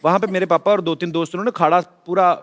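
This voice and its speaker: Playful high-voiced man hosting. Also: steady tone, fast. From Punjab, India. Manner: playful, teasing storyteller. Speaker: comedy talk show host. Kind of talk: joking anecdotes and interviewing guests. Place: TV studio with a live audience. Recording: reverberant studio with audience murmur.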